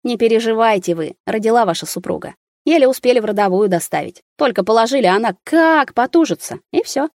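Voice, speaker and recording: A woman's voice: fast, no echo, studio quality, natural voice. Woman doing a cheerful teasing nurse. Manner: bright, teasing, high. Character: cheerful young woman nurse, laughing and chatty.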